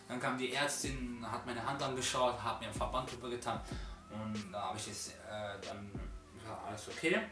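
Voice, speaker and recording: Ein junger Mann erzählt als Vlogger aufgewühlt und in lockerem Slang, wie er angegriffen wurde, und zitiert dabei die Angreifer. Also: male voice, medium pitch, fairly even intonation, moderate pace, recorded from a distance. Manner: agitated slangy retelling, quoting his attackers. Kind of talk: casual storytelling. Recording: roomy, off-mic, with music behind.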